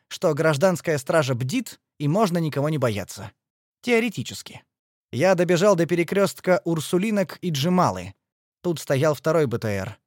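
A man reading a first-person story aloud as an audiobook narrator, in a lively, dramatic way. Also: a little high, no echo, studio quality.

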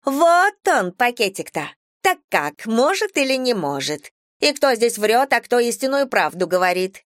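A woman's voice: a little high, big pitch swings, unhurried, no echo, studio quality, voice pushed up. A woman voicing a whining, cunning middle-aged homeless woman in an audiobook, wheedling and sly. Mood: defiant. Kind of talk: audiobook character voice.

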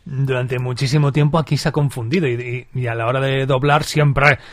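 A man asking questions on a casual film podcast. He talks in a loose, conversational way and sometimes laughs at himself. His voice is mid-pitched and sits close and dry. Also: fairly even intonation, fairly quick, dry recording.

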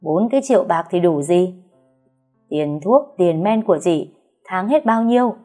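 A woman's voice: mid-range voice, expressive, moderate pace, warm tone, soft background music, close to an everyday voice. A woman voicing a harsh older mother-in-law who scolds with contempt, reading a storybook tale. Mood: scornful.

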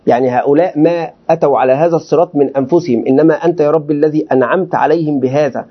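A sheikh teaching a class with a high, quick voice, firing questions at his students and answering them himself. The recording sounds dull and lo-fi. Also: slightly rough. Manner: animated, questioning students rhetorically. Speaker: sheikh teaching Quranic commentary. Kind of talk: classroom lecture.

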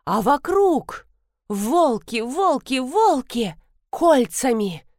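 A woman voicing an excitable female blogger who boasts about her husband in a loud, gushing way. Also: sits high, very slow, no room sound, clean studio sound, pitched above the performer's own voice, full character voice. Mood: boastful. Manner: loud, gushing, fanciful storyteller.

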